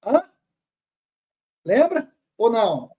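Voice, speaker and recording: A man teaching grammar, reading words slowly from a text and repeating them patiently. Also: very high voice, sing-song, mellow. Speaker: teacher of Syriac Aramaic.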